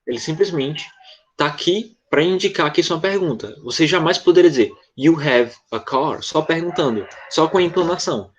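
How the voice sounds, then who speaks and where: A Brazilian Portuguese-speaking man teaches a video class in a fairly high voice, patient and methodical, checking in with students over and over. The sound is dull and lo-fi, like a computer mic on a call. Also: lively intonation, fairly quick, slightly rough. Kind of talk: online English lesson explained in Portuguese.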